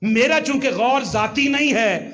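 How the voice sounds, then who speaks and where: Man, high voice, mosque friday sermon, dramatic shifts to shouting. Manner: acts out quoted voices and rises to shouts. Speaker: preacher.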